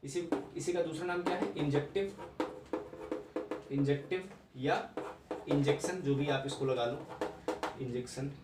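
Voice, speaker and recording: A man's voice: on the high side, unhurried, long pauses. A young man teaching maths in a classroom-style lecture, repeating key points and checking understanding with rhetorical questions. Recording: echoey room, mic at a distance, background noise.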